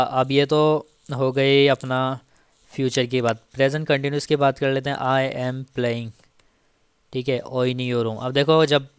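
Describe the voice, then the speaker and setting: A man teaching Turkish grammar in a casual spoken lesson, slowly repeating each example and checking in often with the listener. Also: mid-range voice, smooth, dry recording, studio quality. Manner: slow, repeats each example with frequent "theek hai".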